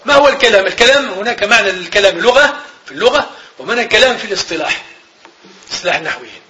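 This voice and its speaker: A man giving a classroom grammar lecture, repeating each definition slowly and checking that students follow. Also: high voice, big pitch swings, pushed and bright. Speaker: grammar teacher.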